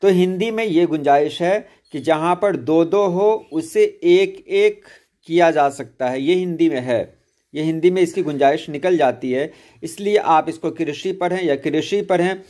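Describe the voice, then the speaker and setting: Slow, patient man teaching poetry meter. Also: a little high, a little mellow. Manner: slow, patient, explains step by step with repetition. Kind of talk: spoken lesson on Urdu-Hindi poetry meter.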